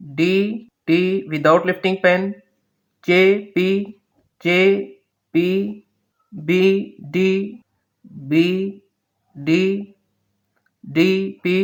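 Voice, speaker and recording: A man teaching shorthand step by step, slowly spelling out letters one at a time. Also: high-pitched, a bit bright. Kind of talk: step-by-step lesson.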